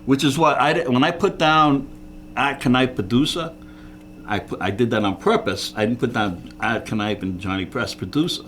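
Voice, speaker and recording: A man's voice: medium pitch, normal speed, fairly bright tone. Rambling man with faint hum. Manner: rambling, repeats words, laughs while telling stories. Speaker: guest musician. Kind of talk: casual interview chat. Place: local TV studio.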